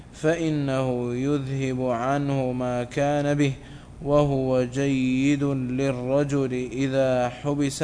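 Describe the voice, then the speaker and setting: A man reads a classical religious text aloud to his teacher, word by word and with care. His voice stays level on one note, with almost no rise or fall. A faint noise runs behind him. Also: medium pitch. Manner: flat, measured recitation. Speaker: student reading a text aloud.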